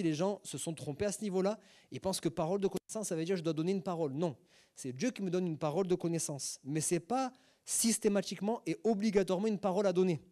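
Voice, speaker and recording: A man's voice: sits high, warm tone. A middle-aged man, a pastor, teaching a sermon in a conversational way with many asides and rhetorical questions. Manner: acts out short sung and spoken examples. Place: church hall.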